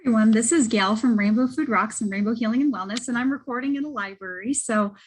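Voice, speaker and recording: Slightly husky woman presenting products. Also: a little high, quick pace. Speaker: host presenting wellness products. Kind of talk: casual product testimonial with screen share. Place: library children's area. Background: children and banging in background.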